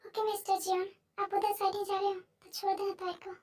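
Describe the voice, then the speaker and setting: A woman voicing a calm, protective middle-aged father who talks in a soothing, polite way. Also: very high-pitched, brisk, recorded from a distance.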